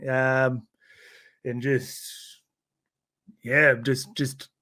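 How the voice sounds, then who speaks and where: A man with a broad New Zealand accent in a relaxed podcast conversation. He sits at a middling pitch and talks in loose, laid-back slang, tagging his phrases with "bro". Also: drawn-out words. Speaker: podcast guest. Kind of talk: casual chat.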